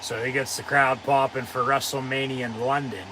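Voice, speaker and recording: A man's voice: mid-range voice, flat delivery, moderate pace, background noise. An American man hosting a live watch-along, commenting casually and sarcastically, with some swearing. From United States.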